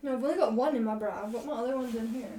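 A woman chatting and laughing with friends, quick to poke fun at herself. Her voice is fairly high and sits a little back from the mic. The room is echoey, with other voices chattering behind her. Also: dark tone, distant mic, a little hiss or hum. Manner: laughing, chatty, self-mocking. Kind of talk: casual chat.

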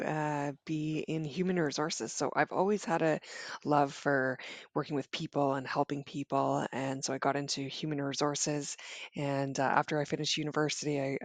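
A woman's voice: low voice, no echo. A woman from Canada, a guest in a casual interview, who talks in a friendly way and laughs easily.

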